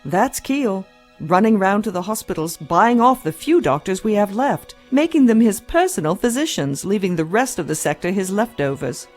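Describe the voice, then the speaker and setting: A weary, skeptical woman doctor, voiced by an actress in a sci-fi audio drama. Her tone is soft-edged and dark, her delivery blunt and matter-of-fact, with faint music behind. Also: medium pitch, expressive, normal speed, close to an everyday voice. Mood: distracted, resentful.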